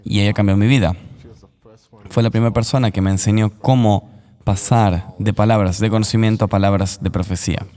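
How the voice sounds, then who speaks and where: Man, interview guest, mellow tone, measured earnest storytelling, reverberant sound. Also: on the low side, steady tone.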